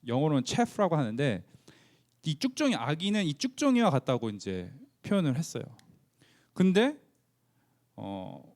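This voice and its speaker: Young male youth pastor, fairly high voice, animated delivery, asks the room questions and answers them himself. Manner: acts out the Bible figures' lines in casual speech. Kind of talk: conversational youth sermon.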